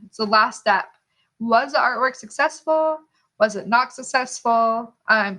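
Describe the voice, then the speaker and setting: In a pushed, bright voice that's a little high, an art teacher walks through an instructional lesson, questioning the listener rhetorically and tagging on "okay" to check in. It's a low-quality recording.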